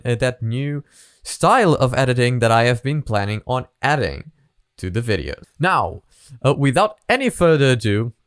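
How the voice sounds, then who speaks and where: A man's voice: a little high, dry recording, studio quality. A man hosting a reaction video, talking casually in a chatty, rambling way with many fillers.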